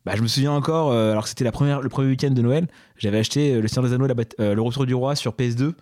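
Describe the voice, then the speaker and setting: A young man co-hosting a podcast, telling stories in a fast, chatty way with lots of fillers. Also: mid-range voice, darkish tone, dry recording, clean studio sound. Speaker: podcast co-host. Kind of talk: casual chat.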